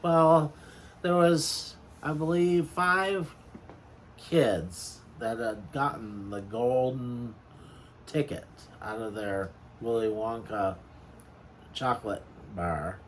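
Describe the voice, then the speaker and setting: A man in casual chat recounting a film in a halting, hesitant way with somewhat formal wording. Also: medium pitch, steady tone, a little hiss or hum, low-quality recording.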